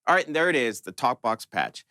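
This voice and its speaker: Brisk and very animated, the host speaks at a medium pitch with a sharp tone, captured in clean studio sound with no echo. He leads a casual synthesizer tutorial, chatting his way through each step.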